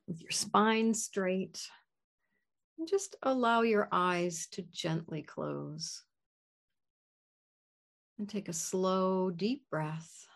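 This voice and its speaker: A woman leading a guided gratitude meditation in a soft, soothing voice. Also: fairly low pitch.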